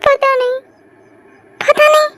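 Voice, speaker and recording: Girl doing a crying little village wife, super high squeaky voice, dry close sound. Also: moderate pace, fairly bright tone, no echo. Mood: weepy. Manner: whimpering, repeats she doesn't know. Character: young village wife, tearful and confused. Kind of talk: fan audio story voice acting.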